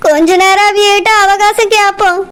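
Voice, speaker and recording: A soothing elder sister, voiced by a woman in a high cartoon voice. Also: fairly even intonation, moderate pace, a bit bright. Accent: Kanyakumari Tamil. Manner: soothing, reassuring. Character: gentle elder sister consoling a grieving mother. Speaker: cartoon character. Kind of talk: animated cartoon voice acting.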